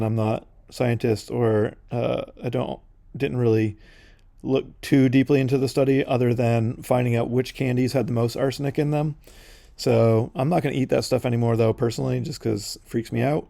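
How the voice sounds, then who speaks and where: A man in his forties hosts a podcast while he paints, rambling casually and drifting into side notes full of fillers. His mid-range voice has vocal fry and a dark tone, with no room sound.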